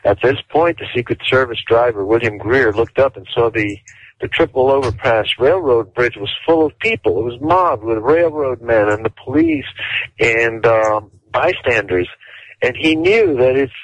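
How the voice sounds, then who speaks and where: A male interview guest explaining in detail and at a deliberate pace, with frequent fillers. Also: mid-range voice, animated, no room sound. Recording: dull dry lo-fi audio.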